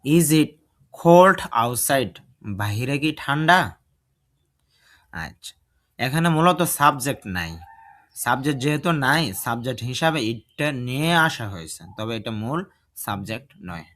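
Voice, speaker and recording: A man teaching an English lesson, drilling sentences slowly and translating each one. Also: mid-range voice, lively intonation, a bit bright. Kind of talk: bilingual language lesson.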